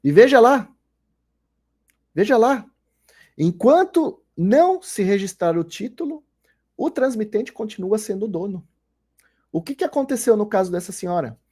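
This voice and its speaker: Husky Brazilian man lecturing on law. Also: high voice, sing-song, measured pace, pauses often, a little mellow. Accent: Brazilian Portuguese. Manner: explanatory, rhetorical questions, frequent "tá?" and "gente". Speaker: law lecturer, former notary clerk. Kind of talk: recorded online lecture.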